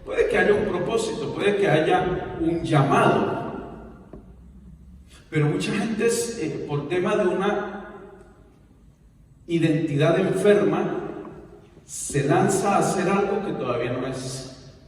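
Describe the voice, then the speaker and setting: A man preaching a lively sermon as pastor, mixing teaching with playful impressions. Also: high voice, takes it slowly, pauses often, slight background noise. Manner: emphatic preaching with playful impressions and stutter mimicry. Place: church hall. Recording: echoey hall, voice from far off.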